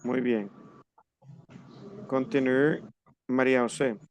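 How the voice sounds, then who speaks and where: A man teaching a French class over a video call, patiently slowing down to model pronunciation. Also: medium pitch, fairly even intonation, a little hiss or hum. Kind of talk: online class instruction.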